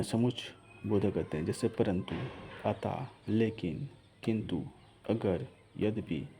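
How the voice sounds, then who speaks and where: A man with a low, gravelly voice gives a grammar lesson. His tone is dark and mellow. He keeps asking the class questions, answers them himself, and repeats lists of words slowly. Faint noise hums behind him. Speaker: Hindi grammar teacher.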